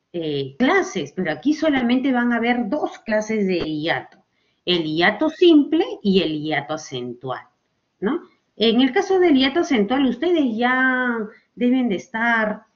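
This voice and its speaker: A woman teacher gives a children's language lesson, stretching out example words and often checking with "ok?". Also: medium pitch. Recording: dull lo-fi recording.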